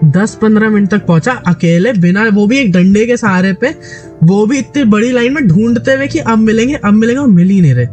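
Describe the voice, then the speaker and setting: A man's voice: sits high, lively intonation, fairly quick, a little mellow, soft background music. A man from Delhi with a sore, dry throat, animatedly telling a story to a friend in casual chat, with many restarts. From Delhi, India. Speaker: gaming YouTuber.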